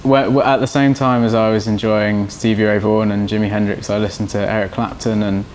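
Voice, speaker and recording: A young man who plays guitar in a band answers slowly and haltingly, restarting his sentences often. His voice sits fairly low, and a faint background hiss runs under it. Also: little pitch movement, a little mellow. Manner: halting, many restarts and fillers. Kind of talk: casual interview answers.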